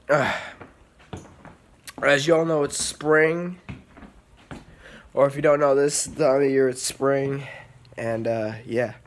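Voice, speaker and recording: A young man chatting casually to his vlog audience while feeling unwell, rambling with lots of fillers and clearing his throat. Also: mid-range voice, flat delivery, slow, long pauses, a little hiss or hum. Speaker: vlogger. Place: outdoors in heavy rain, then indoors.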